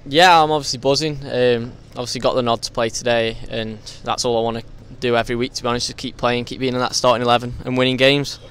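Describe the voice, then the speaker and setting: A man's voice: medium pitch, steady tone, quick pace, hardly any pauses, a bit bright, clean tone. A young male footballer speaking upbeat and fluently after a match outside a stadium entrance, into a handheld mic. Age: young adult. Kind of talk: post-match interview.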